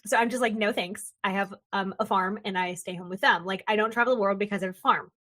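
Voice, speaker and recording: A young woman hosting a podcast, chatty and animated, drifting into tangents and acting out quick voices. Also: mid-range voice. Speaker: podcast host. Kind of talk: casual podcast conversation.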